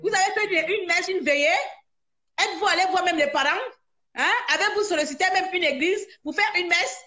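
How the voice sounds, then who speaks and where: Woman live-streamer, high voice, scolding, repetitive rhetorical rant. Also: brisk, bright, forceful tone. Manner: indignant, scolding, repeats herself with rhetorical questions.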